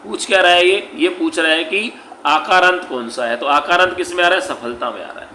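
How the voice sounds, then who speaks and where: A man's voice: sits high, brisk, sharp tone. Guy teaching sanskrit to kids, keeps asking and answering himself, says beta a lot, echoey room. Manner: patient, repetitive, asks and answers his own questions; calls students "beta" and adds "ji". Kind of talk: classroom-style exam paper walkthrough. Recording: echoey room with faint background noise.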